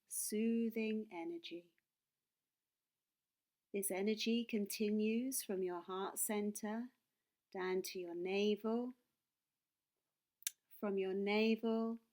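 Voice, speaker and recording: A meditation and yoga teacher guides a meditation very slowly, her medium-pitched voice calm and soothing. She speaks in short, deliberate phrases separated by pauses.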